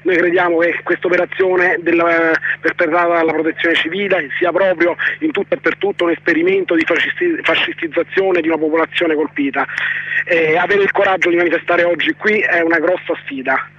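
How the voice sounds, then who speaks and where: A man speaks forcefully as an activist at a street march, his voice hoarse from shouting. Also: on the high side, fairly even intonation, fairly quick, muffled recording. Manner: forceful, impassioned.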